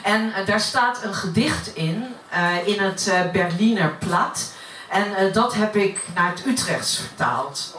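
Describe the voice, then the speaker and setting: Halting woman in an echoey room. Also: medium pitch, animated, fairly bright tone. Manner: hesitant, halting. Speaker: poet and translator. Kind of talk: informal spoken introductions at a poetry reading. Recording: roomy, distant mic, faint noise.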